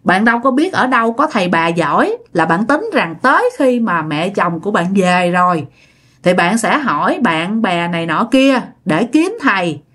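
A woman's voice: mid-range voice, very animated, moderate pace, fairly bright tone. Chatty woman telling ghost stories. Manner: chatty, addresses the listener directly. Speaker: storyteller. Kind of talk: casual ghost-story narration.

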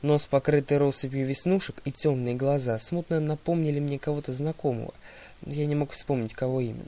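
A man narrating an audiobook in an even, steady voice. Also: fairly high pitch, fairly quick.

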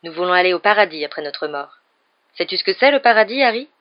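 A woman reading aloud and voicing a big, gentle, kindly man in a calm, soothing tone. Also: fairly low pitch, quick pace, dull audio, close to an everyday voice.

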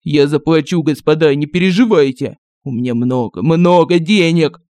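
A woman's voice: low voice, moderate pace, dark tone, no echo, clean studio sound, close to an everyday voice. A woman voicing a crafty male advisor who fakes leprosy in a humorous fantasy audiobook, with a whiny, pleading, theatrical manner. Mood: whining. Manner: pleading, overly gushing.

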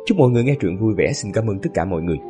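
A man with a hoarse voice narrating a serialized story as the channel host, in a relaxed, chatty way. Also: lowish voice, very fast, over loud music. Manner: relaxed, chatty asides with fillers.

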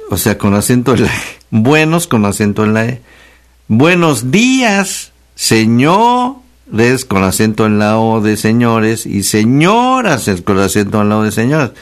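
Mexican male radio host, lowish voice, teacherly and chatty, slows down to repeat key words. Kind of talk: casual radio talk on spelling. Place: radio studio.

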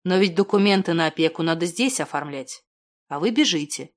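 A woman's voice: lowish voice, lively intonation, fairly quick, voice pushed down, lightly acted. Woman putting on a grumbling, skeptical man. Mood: earnest. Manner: grumbling, blunt. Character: skeptical grumbling older brother, blunt man.

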